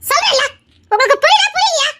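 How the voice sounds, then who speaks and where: A woman's voice: very high-pitched, animated, fast talker, sharp tone, exaggerated voice. A woman voicing a frightened, tearful young wife who insists on leaving, in an audio drama. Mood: shouting.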